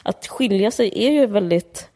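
Speaking in an animated, mid-range voice with a dark tone, a woman co-hosting a podcast talks casually about a book, rambling with many fillers. She's candid and mocking, and there's slight background noise.

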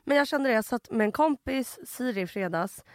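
A young woman co-hosting a podcast, talking emotionally and laughing often, with quick swings between loud and quiet. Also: on the high side, lively intonation, dry recording, clean studio sound. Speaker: podcast co-host. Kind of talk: casual chat.

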